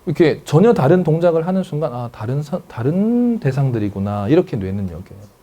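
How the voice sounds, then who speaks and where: A man's voice: a little high, very animated, a little fast, mellow, lo-fi sound. A man giving a lecture to parents as a counselor, acting out family dialogues and often checking that the audience follows.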